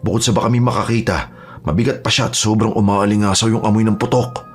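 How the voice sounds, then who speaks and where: A steady aswang hunter in a horror audio drama, played by a man, firm and reassuring. His voice is low and breathy-husky, and he talks fast. Faint music plays behind. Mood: calm.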